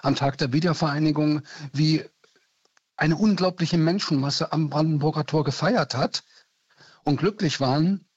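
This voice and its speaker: This phone-in caller, a man in his sixties from East Germany, addresses a radio show earnestly in a speech-like way. He has a fairly high voice with a breathy edge at normal speed, and the lo-fi phone line is dry with no room sound.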